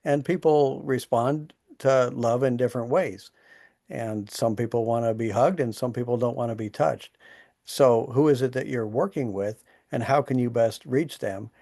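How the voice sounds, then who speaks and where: A man's voice: mid-range voice, gravelly, a little mellow, studio quality. A man hosting an online town hall, talking in a plainspoken, earnest way about community and caring for people. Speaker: host, resiliency leader.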